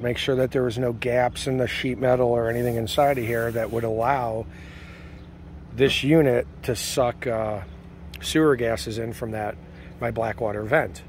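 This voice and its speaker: A man's voice: mid-range voice, slight background noise. Chatty man filming on an RV roof. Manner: relaxed, chatty, many ums and uhs. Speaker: air conditioning technician and RV owner. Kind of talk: casual how-to vlog. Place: outdoors on an RV roof. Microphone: handheld phone camera.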